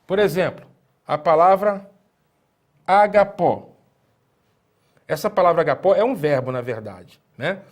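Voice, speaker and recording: A man with a fairly high voice teaching a language lesson at an unhurried pace. He explains patiently, poses rhetorical questions to the viewer and repeats key words slowly for emphasis. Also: expressive. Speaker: Greek teacher.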